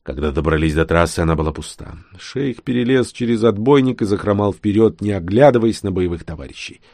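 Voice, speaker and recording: A man with a low voice reads a novel aloud in scripted narration and does the characters' voices himself. The sound is dry and close, with no room around it. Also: expressive, fairly quick, a little mellow, dry recording. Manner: plays all the characters. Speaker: audiobook narrator.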